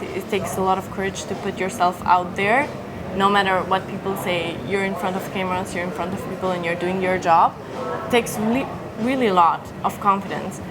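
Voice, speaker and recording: A young woman from Albania, a pageant contestant, talking fast and earnestly in a casual interview. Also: mid-range voice. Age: young adult. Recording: noisy crowd around. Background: crowd chatter.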